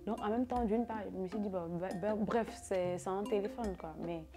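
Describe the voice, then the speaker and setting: A woman's voice: mid-range voice, moderate pace. A young woman tells a casual storytime, repeating words and filling gaps with "là" and "genre". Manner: animated, repetitive retelling with fillers like "là" and "genre". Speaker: vlogger. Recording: background music under the voice.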